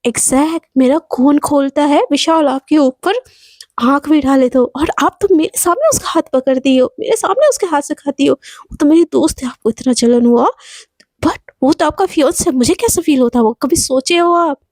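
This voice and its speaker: A woman voicing a young woman in a love story, hurt and defiant, answering back in quick indignant retorts. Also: sits high, a little mellow, dry recording, studio quality, close to an everyday voice.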